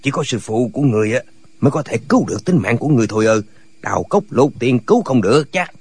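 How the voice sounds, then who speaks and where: Here the argumentative hermits of a radio drama, all foolish men voiced by a single male actor, go round in circles, each remark needling the last. His husky mid-range voice swings lively in pitch, and he talks fast.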